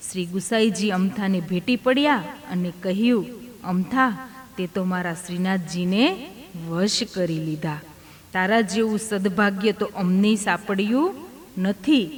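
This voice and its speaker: Woman telling a devotional tale, reverberant. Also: medium pitch. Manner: voices each character in turn within the tale. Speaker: storyteller. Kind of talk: devotional storytelling. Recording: long hall reverb.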